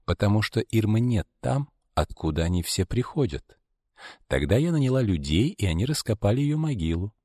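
Brief: male reader doing a reclusive woman fortune-teller, low, quiet, unhurried, icy. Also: very animated, dry recording, studio quality. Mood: cold, hushed. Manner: quiet, slow, ominous. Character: cold secretive grown woman fortune-teller, small, reclusive.

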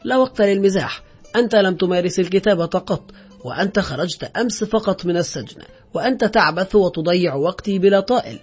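A man voicing a successful, impatient older friend who lectures in a calm, dismissive way in an audiobook. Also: high voice, fast talker, breathy edge, lo-fi sound, faint music behind. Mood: lecturing. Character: successful middle-aged man, cool, impatient and preachy.

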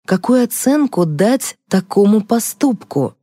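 A woman narrating a first-person detective audiobook in a steady, ironic manner. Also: medium pitch, measured pace, no echo, studio quality.

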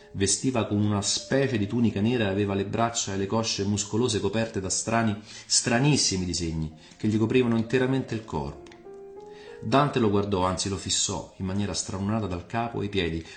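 A man narrating a scripted historical story in a measured storytelling manner. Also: fairly low pitch. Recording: roomy room with faint music.

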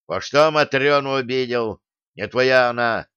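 Man voicing a barking bearded warrior, gruff, hot-tempered, raised pitch, dry, dull sound. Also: a little slow, a bit bright, no room sound, lightly acted. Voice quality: growling, barking orders.

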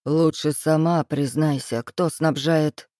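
A woman voicing a stern, menacing male club owner who growls his questions slowly, in a mellow, dry reading. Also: low voice, fairly even intonation, no room sound. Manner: growling, slow and interrogating.

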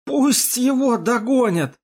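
A man voicing a dying young Komsomol organizer, badly wounded, gasping and pleading slowly. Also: very high voice, expressive, pitched above the performer's own voice, heavily acted. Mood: pained pleading. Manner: slow, strained, pleading. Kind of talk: audiobook character voice.

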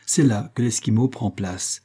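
Brief: male audiobook narrator, measured and dramatic, husky, dark tone. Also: fairly low pitch. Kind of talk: scripted narration.

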